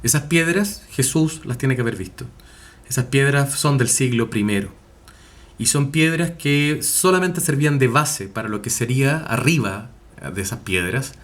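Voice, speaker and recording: A man's voice: medium pitch, animated, normal speed, a bit bright. A man giving a recorded university class, talking with many fillers, self-corrections and rhetorical tag questions. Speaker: university lecturer. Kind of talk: recorded online class lecture.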